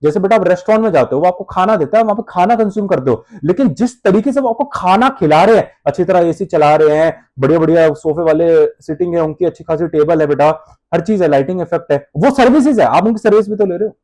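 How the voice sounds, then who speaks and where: Animated high-voiced teacher. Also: male voice, quick pace. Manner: animated, addresses students as beta, plays student answers himself. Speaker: accounting teacher. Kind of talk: classroom lecture.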